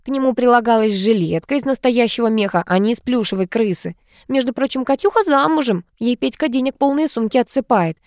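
A woman's voice: on the high side, animated, fairly quick, a little mellow, dry recording, clean studio sound. A woman voicing a spoiled, sulky provincial woman who speaks in a whiny, childish way in an audiobook. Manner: whiny, petulant.

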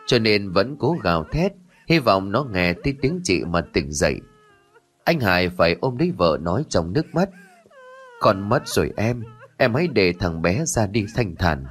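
A man narrating a ghost story in an expressive, dramatic storytelling style. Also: lowish voice.

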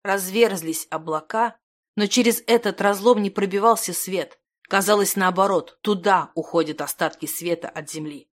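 A woman calmly reading fantasy narration for an audiobook. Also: medium pitch, moderate pace. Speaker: audiobook reader. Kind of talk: scripted narration.

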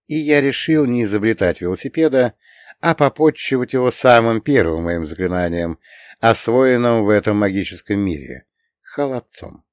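A man's voice: fairly low pitch, animated, normal speed, no echo, clean studio sound. A man narrating a first-person fantasy audiobook in a wry, conversational way, with the occasional curse.

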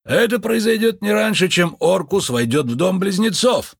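Brief: eccentric street mystic, squeaky and grand, as a male reader puts him on. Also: lively intonation, moderate pace, creaky, husky, no room sound, clean studio sound, exaggerated voice. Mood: grandiose. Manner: high, exuberant, theatrical. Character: eccentric excitable older male mystic sign-twirler. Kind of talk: audiobook character voice.

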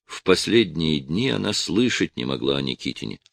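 Male audiobook narrator, deep and gravelly, lively reading, dry close sound. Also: normal speed, no echo. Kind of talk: first-person audiobook narration.

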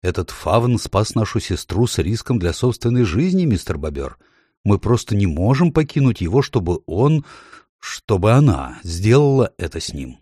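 An eager, brave older brother from a storybook, voiced by a man a few steps above his usual low pitch. He presses urgently and persuasively in a husky voice, and the recording is dry. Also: sing-song, moderate pace, mellow, no room sound. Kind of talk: audiobook character voice.

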